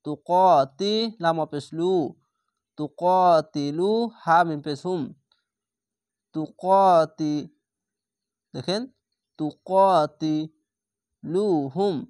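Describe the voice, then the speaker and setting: A man with a fairly high voice teaches reading aloud, spelling out syllables one by one before chanting each word slowly and stretching the vowels. The sound is close and dry, with no room echo. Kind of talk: slow spelled-out recitation lesson.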